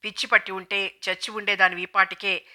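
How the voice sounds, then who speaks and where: A woman's voice: medium pitch, little pitch movement, fairly quick, pushed and bright. A woman voicing a furious husband who threatens his wife with a knife, reading his lines with menacing, snarling commands. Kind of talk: audiobook dialogue reading.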